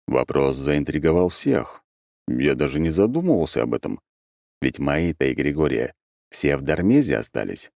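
A man narrating a first-person fantasy audiobook in an expressive reading style. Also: extremely low pitch, moderate pace, gravelly, dry recording, studio quality.

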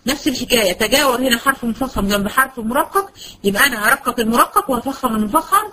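A woman with an Egyptian Arabic accent teaching Quran recitation, patient and slowing right down to spell out sounds. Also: on the high side, animated, sharp tone, breathy edge, poor audio. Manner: patient, slows to a crawl when demonstrating words. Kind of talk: online Quran lesson.

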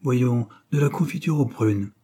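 A man's voice: mid-range voice, measured pace, dark tone, a little hiss or hum, pitched above the performer's own voice, lightly acted. A man reading aloud and voicing an arrogant, spoiled teenage boy who talks in a scornful, bossy way. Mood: insolent.

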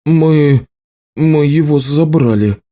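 A man's voice: mid-range voice, unhurried, mellow, pitched above the performer's own voice, close to an everyday voice. A man reading an audiobook, voicing a young male juggler who speaks hesitantly and mumbles with guilt. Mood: sheepish.

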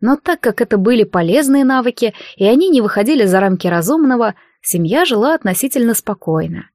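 Reading scripted fantasy narration, a female audiobook narrator keeps her storytelling measured and even. Her voice is fairly high, and the studio-quality recording has no room sound.

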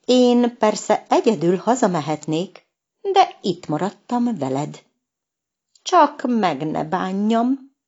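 A woman's voice: medium pitch, sing-song, a little mellow, highs cut off. A woman voicing a fretful, whiny little male mouse in a storybook. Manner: whiny, sighing.

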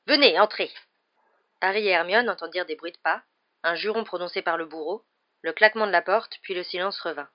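This audiobook is read by a woman whose voice sits fairly low, her delivery even and measured. The audio comes across muffled and dull.

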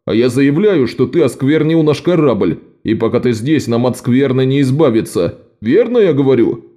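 Grim ship captain laying down the law, dark mellow tone, man reading. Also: mid-range voice, expressive, normal speed, pitched above the performer's own voice, close to an everyday voice. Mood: stern. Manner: stern, commanding. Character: stern male ship captain, grim and unbending. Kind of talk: audiobook character voice.

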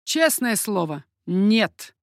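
A woman reading an audiobook, voicing a bold young swordsman who speaks in slow, stern commands. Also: mid-range voice, lively intonation, dry recording, clean studio sound, close to an everyday voice. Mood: defiant. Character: young male Piedmontese swordsman, bold and harsh.

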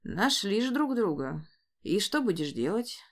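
A woman voicing a weary, sardonic male general with a dry, low delivery. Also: big pitch swings, unhurried.

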